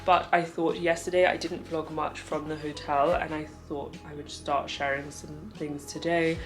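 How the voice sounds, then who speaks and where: A young woman talks through her travel plans in a chatty vlogging manner, her voice level and flat in pitch. She sits back from the camera mic, and loud music plays behind her. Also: normal speed, recorded from a distance. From Portugal. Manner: chatty, enthusiastic room-tour commentary. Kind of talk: casual vlog narration. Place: hotel room and car.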